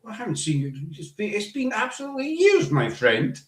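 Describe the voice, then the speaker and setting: Crowd noise sits behind a high-pitched man whose pitch swoops wildly as he talks fairly quickly. The Glaswegian podcast host from Scotland chats casually in an echoey room, telling rambling anecdotes heavy with fillers.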